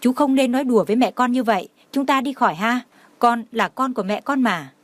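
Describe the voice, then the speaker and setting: Woman doing a protective guy calming a little kid, soft and soothing, storybook reading. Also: a little high, brisk, no echo, close to an everyday voice. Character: protective grown man, gentle and remorseful.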